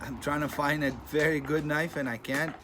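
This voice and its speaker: Talking to camera as a channel host, this thirty-something man from Greece uses relaxed, straightforward English marked by a Greek accent and non-native turns of phrase. His pitch is fairly high and his tone steady. Clicks and noise run through the audio.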